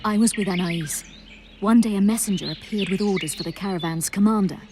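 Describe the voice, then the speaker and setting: A woman with a natural, mid-range voice speaks a little fast against a noisy background, with music behind her. In dramatic video game acting, she plays a guarded, shaken survivor who protects royal children in a fantasy game, recalling grim events earnestly and somewhat formally.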